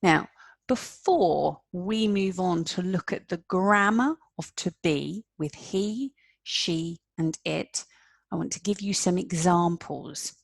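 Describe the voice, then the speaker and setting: A woman teaching English to beginners, speaking slowly and clearly and repeating each word. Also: on the low side, no echo. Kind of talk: slow, clear beginner lesson with repetition.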